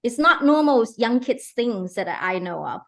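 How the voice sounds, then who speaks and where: A woman's voice: a little high, animated, normal speed. A middle-aged woman from Hong Kong hosting an online interview, eager and enthusiastic, often checking in with "right?" and "okay". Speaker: host.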